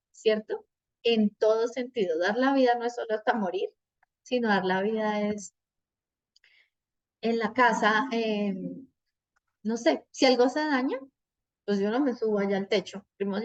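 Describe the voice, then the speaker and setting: Lady teaching a parents class, keeps asking the room questions, kinda muffled sound. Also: medium pitch. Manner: animated, asks "¿cierto?" often.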